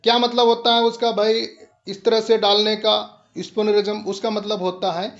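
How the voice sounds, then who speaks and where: A man's voice: high-pitched, little pitch movement, moderate pace, lo-fi sound. A man teaching a lecture-style lesson, explaining step by step and mixing English terms into his speech.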